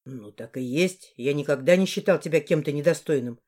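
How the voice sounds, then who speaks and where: A gruff, curt male police chief with a growling edge and a voice pushed well down, mellow in tone, as a woman reading a romance audiobook plays him. He speaks in clipped, irritated bursts. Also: sits low, a little fast, pitched below the performer's own voice. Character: gruff blond male boss, head of secret police.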